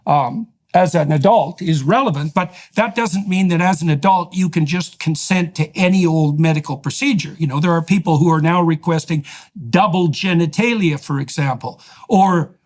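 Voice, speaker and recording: A man hosting an interview, making his case emphatically in long, run-on sentences. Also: on the high side. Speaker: podcast host. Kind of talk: heated interview conversation.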